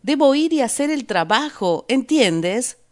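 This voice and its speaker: A woman's voice: mid-range voice, lively intonation, moderate pace, pitched above the performer's own voice, close to an everyday voice. Woman reading as a defensive male electrician. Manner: defensive, shouting. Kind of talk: reading a story aloud for learners.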